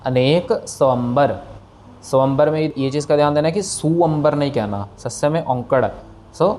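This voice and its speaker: A man teaching the careful pronunciation of sacred verses, chanting each line slowly and then explaining the sounds patiently. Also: fairly high pitch, mellow, slight background noise. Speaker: recitation teacher. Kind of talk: slow line-by-line pronunciation lesson.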